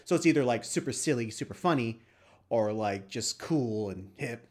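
A man co-hosting a casual movie discussion, talking in a halting way with plenty of "like". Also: mid-range voice, expressive, a little mellow. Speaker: podcast co-host.

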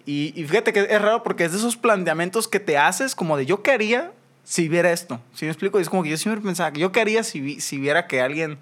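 A man's voice: high-pitched, animated, quick pace, a bit bright. A young man with a Mexican accent, co-hosting a casual podcast chat and telling a story animatedly, full of slang and swearing. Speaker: podcast co-host.

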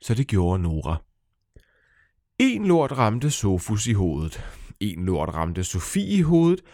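Lively man reading a kids' story aloud, lowish voice, close and dry. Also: dry recording. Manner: playful, animated, speaking directly to children. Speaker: storyteller and author. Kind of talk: children's story narration.

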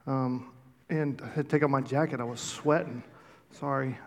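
A man's voice: medium pitch, steady tone, fairly quick, slight background noise. A man preaching a sermon to his church, slightly out of breath, telling stories in a casual, self-deprecating way. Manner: conversational, self-deprecating storytelling. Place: church sanctuary. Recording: long church reverb.

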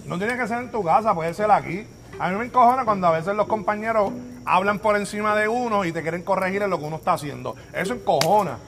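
A man's voice: high voice, fast, vocal fry, a bit bright, slight background noise. A man with a Puerto Rican accent hosting a rowdy, swearing group chat and steering the topics. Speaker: podcast host.

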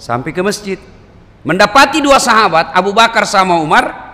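A man's voice: sits high, expressive, moderate pace, bright, forceful tone, long reverb tail. A man preaching a sermon, telling stories with humor and acted quotes. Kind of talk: sermon to a congregation.

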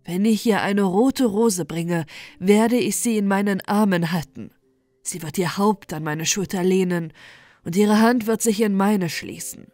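A woman's voice: medium pitch, unhurried, a little mellow, no echo, soft background music, lightly acted. A woman voicing a lovesick, despairing young male student in a bedtime storybook reading, lamenting in a dreamy way. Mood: longing.

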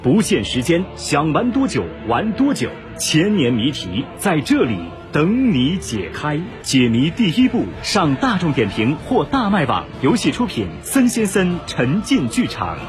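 A man's voice: fairly high pitch, wildly swooping pitch, unhurried, hardly any pauses. Dramatic promo guy, really varied intonation, music behind. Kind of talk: dramatic scripted event promo.

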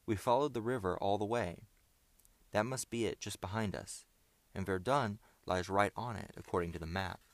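A man's voice: lowish voice, normal speed, no room sound, natural voice. A man reading the part of a sensible, level-headed boy who leads his group, talking things through persuasively. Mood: earnest.

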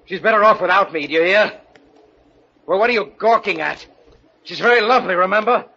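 Unhinged, brooding bridegroom, tense high-set voice. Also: male voice, brisk, pushed and bright, exaggerated voice. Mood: agitated, bitter. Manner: theatrical, brooding. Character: tormented, obsessed bridegroom, menacing and unhinged. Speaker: actor. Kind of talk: 1940s radio thriller acting. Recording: muffled, noisy vintage radio recording.

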